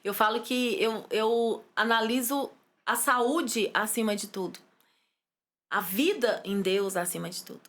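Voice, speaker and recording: A Brazilian woman, a psychologist and pastor, telling her life story in an interview with fervent, animated energy. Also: fairly high pitch. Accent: Brazilian Portuguese. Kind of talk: testimony interview.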